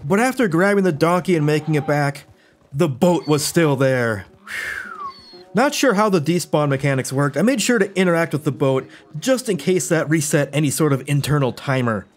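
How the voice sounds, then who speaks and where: A man's voice: a little high, expressive, brisk, faint music behind. A man narrating gameplay from a script as a YouTuber, with wry, self-deprecating storytelling. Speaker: gaming YouTuber.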